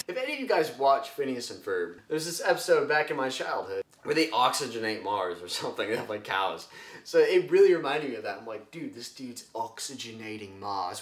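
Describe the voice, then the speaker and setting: A young man talking casually about a book he loves, rambling with lots of fillers and acting out quotes. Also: mid-range voice. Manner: excitable, rambling, full of fillers, acts out quotes. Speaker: book vlogger. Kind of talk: casual book review vlog. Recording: echoey room.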